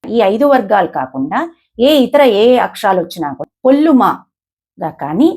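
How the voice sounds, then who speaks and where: A woman giving a lesson on pronouncing shlokas, explaining slowly and demonstrating each sound with stressed examples. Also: mid-range voice, big pitch swings, a little mellow, husky. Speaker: advocate teaching shloka pronunciation.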